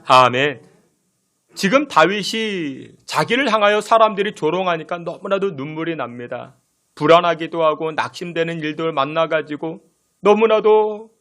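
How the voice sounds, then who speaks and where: Korean pastor preaching, rising and falling emphasis. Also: male voice, moderate pace. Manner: rhetorical questions to the congregation; shifts between loud emphasis and soft low phrases. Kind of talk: sermon. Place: church sanctuary.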